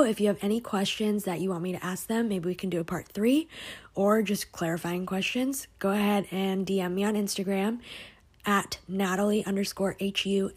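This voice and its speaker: A young woman hosts a casual podcast in a bright, chatty way, dropping fillers as she goes. Her voice sits in an ordinary middle pitch, with a slightly husky, breathy edge to it. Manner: upbeat, chatty, with frequent fillers. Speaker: podcast host.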